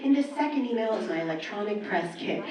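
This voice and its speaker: A woman in her thirties does a brash, casual stand-up set on a comedy club stage, telling stories animatedly, acting out exchanges, and swearing now and then. Her mid-range voice is a little mellow, with lively intonation, and she talks fast. The sound is distant, roomy, and echoing like a club.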